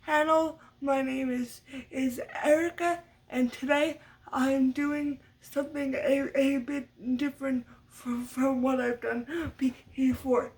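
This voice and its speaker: Her voice is high-pitched, flat, slow and darkish as she tells a sit-down story in a room at home beside her dog. The young vlogger stutters frequently, repeating sounds. She's positioned a bit away from the microphone.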